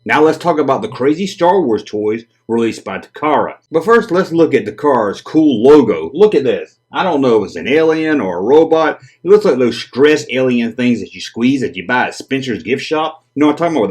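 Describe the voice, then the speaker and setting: This toy collector channel host, a man whose first language is Japanese, jokes about odd vintage toys in a casual collector video. His medium-pitched voice runs a little fast with few pauses, and his manner is animated and chatty.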